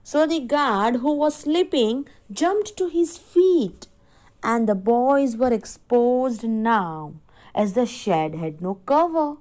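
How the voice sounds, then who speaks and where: Woman teacher, story reading for schoolchildren: slow, explanatory, fairly high voice. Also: animated, a little mellow. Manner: slow and explanatory, stops to define words for children. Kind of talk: reading a story aloud in an English lesson.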